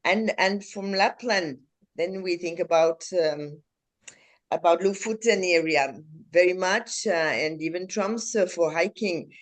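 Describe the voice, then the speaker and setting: Middle-aged woman, webinar presenter, halting with fillers, video call. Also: lowish voice. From Finland. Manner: halting, many fillers and restarts. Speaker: market expert panelist.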